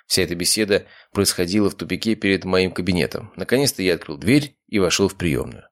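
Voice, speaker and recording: A man narrating an audiobook in the first person, steady and measured. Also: deep voice.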